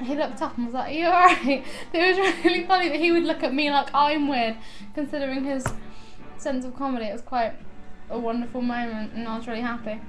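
High-pitched young girl vlogging, giggly and rambly, bit of music quietly behind. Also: fairly quick. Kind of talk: casual chatty vlog.

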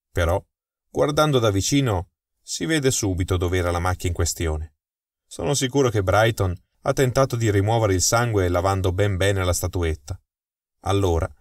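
A man voicing a calm, amused detective in an audiobook mystery, unruffled and dryly chuckling. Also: lowish voice, no room sound, lightly acted. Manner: unflappable, dry chuckle. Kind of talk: audiobook dialogue.

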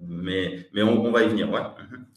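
A man's voice: fairly low pitch, moderate pace, reverberant, far from the mic. A man from Switzerland with a Swiss French accent, teaching an online webinar lesson, hesitant and repeating his words as he answers the chat.

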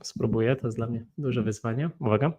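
A Polish man with a Polish accent teaching an English grammar lesson, talking slowly and thinking aloud while feeling unwell. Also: mid-range voice, fairly even intonation, a little mellow, husky. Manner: slow, thinking aloud with frequent hums. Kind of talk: solo grammar and pronunciation lesson.

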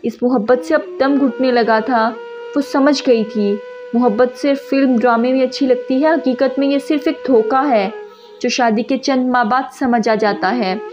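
A woman narrates a sad story in a steady, emotive reading. Her voice is high, the recording is dull and lo-fi, and music plays throughout. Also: moderate pace.

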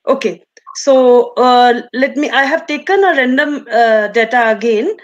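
A woman with an Indian accent giving an online lecture with a screen demonstration, explaining in a halting way over a video call. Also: fairly high pitch, muffled recording. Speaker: resource person, lecturer. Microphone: video call from computer.

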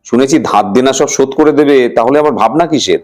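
A man's voice: mid-range voice, fairly quick, a little mellow, lightly acted. A man voicing a jovial middle-aged uncle who is a police officer, speaking in a hearty, reassuring way.

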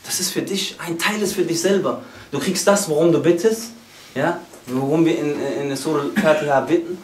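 A man's voice: on the high side, fairly quick, slight background noise. A man preaching a sermon to a gathered audience, fervent and emphatic, often calling out exclamations and restarting his sentences. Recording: roomy echo.

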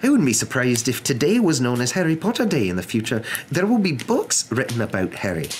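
A man's voice: medium pitch, wildly swooping pitch, slow pace, a bit bright, a little hiss or hum, pitched above the performer's own voice, heavily acted. A man voicing a stern, anxious older witch professor, faltering and emphatic, in a storybook reading. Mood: indignant.

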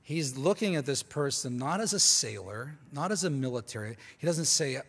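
A man's voice: mid-range voice, lively intonation, normal speed, fairly bright tone, slightly rough. A man giving a conference lecture, speaking emphatically, repeating words as he restarts and turning to the audience with asides. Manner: talks directly to the audience with asides. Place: large conference hall. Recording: long hall reverb.

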